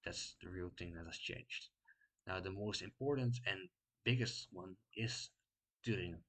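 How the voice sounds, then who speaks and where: A man with a Dutch accent gives casual commentary, his voice low-pitched yet bright and forceful in tone. He talks off the cuff and fills his gaps with frequent pauses as he explains each point. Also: poor audio. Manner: unscripted, many filler pauses while explaining. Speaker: political commentary vlogger.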